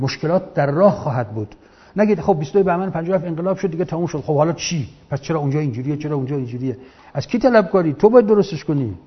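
Emphatic male lecturer, dull lo-fi sound. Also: on the high side. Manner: emphatic, rhetorical questions, rising to forceful peaks. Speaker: religious lecturer. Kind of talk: impassioned lecture to young listeners. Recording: dull lo-fi recording.

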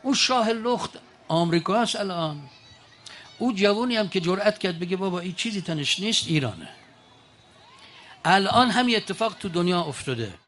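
A man's voice: sits high, animated, long pauses, a bit bright, slight background noise. An older man speaking to an audience in a colloquial storytelling manner, with mocking asides.

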